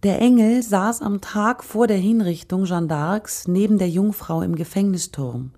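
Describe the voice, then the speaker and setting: A woman narrating a literary story in the first person, calm and measured. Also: medium pitch. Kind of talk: scripted narration.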